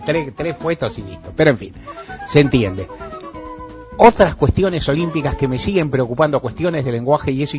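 A man hosting a radio talk show in Argentine Spanish, musing in a wry, ironic way and chuckling as he talks. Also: medium pitch. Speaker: radio host. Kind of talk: casual radio monologue.

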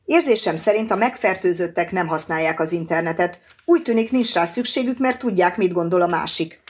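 A woman reading an audiobook, voicing a calm, cautious male scientist in measured, explaining tones. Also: fairly low pitch, husky.

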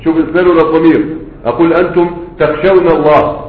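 Man, Egyptian Arabic accent, grammar teacher, rhetorical questions, slow drilled examples, somewhat high voice, echoey room. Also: level tone. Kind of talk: classroom grammar lesson. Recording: tinny phone-like audio in an echoey room.

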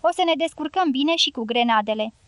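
A woman's voice: high-pitched, no echo, natural voice. A woman reading the part of a resolute young male dynamiter in an audiobook, speaking firmly and steadily.

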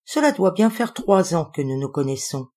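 A woman narrating a first-person story in a calm, measured reading voice. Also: fairly low pitch, slightly rough. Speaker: audiobook reader.

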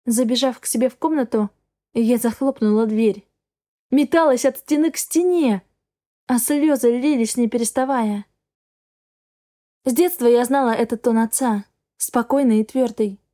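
A woman giving an emotive, measured first-person narration of an audiobook. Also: a little high, warm tone.

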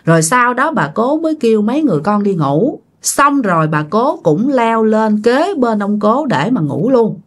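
A woman tells a ghost story in a casual, chatty way. She talks straight to her listeners. Her fairly high voice moves through a wide, animated range. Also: normal speed, hardly any pauses. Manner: chatty, addresses listeners directly.

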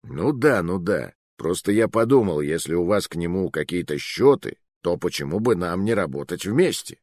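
A man's voice: low-pitched, animated, normal speed, a little mellow, dry recording, clean studio sound. A man voicing a mocking bearded officer captured by rogues, in an audiobook reading. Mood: ingratiating. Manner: sneering, scoffing. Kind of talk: audiobook narration.

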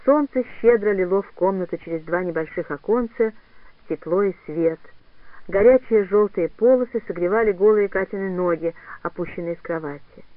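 A man reading a story aloud as narrator in a measured, even way. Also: sits high, no echo. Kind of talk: scripted audiobook narration. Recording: tinny phone-like sound, dry.

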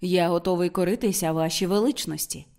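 A woman's voice: fairly low pitch, fairly quick, darkish tone, lightly acted. A woman reading as an earnest young working man. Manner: plain, earnest, matter-of-fact. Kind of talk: audiobook character reading.

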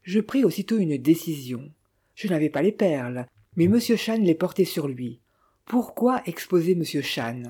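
A reader voicing a cheerful, idle young man who teases his father and recounts his day, in a low, husky, mellow tone. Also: lively intonation, moderate pace. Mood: recounting. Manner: cheerful, teasing, casually recounting.

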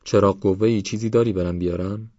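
Brief: uneasy young man in a storybook reading, voiced by a male narrator, low pitch, dull sound. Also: fairly even intonation, no room sound, natural voice. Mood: questioning. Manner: short uneasy questions. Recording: slightly muffled, soft music behind.

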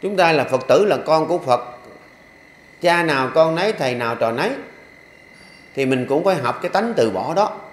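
A man's voice: a little high, expressive, normal speed, long pauses, a little hiss or hum. An older man who is a Buddhist monk, speaking with a Southern Vietnamese accent, preaching in a folksy, joking way with rhythmic repeated refrains in a temple hall. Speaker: Buddhist monk giving a dharma talk. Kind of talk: sermon. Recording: echoey hall with faint ambience.

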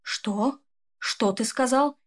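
A woman's voice: on the high side, slow. A woman voicing a stern male headmaster in a storybook reading. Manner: stern, commanding.

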